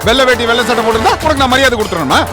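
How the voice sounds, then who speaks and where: An actor playing a rude, greedy young son-in-law in a TV serial, who talks down to his wife's family in a harsh, insulting, shouting manner. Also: very high-pitched, animated, rapid-fire. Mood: scornful. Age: young adult. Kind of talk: TV serial acting. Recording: TV soundtrack with music under the voice.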